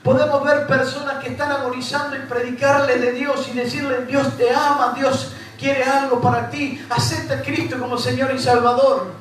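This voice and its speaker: A Uruguayan pastor with a Rioplatense Spanish accent preaches a sermon, repeating phrases with rising emphasis and speaking directly to his congregation. His extremely high voice is flat, a bit bright, at normal speed with hardly any pauses. It's recorded from far off in an echoey church hall with music behind and a little hiss or hum.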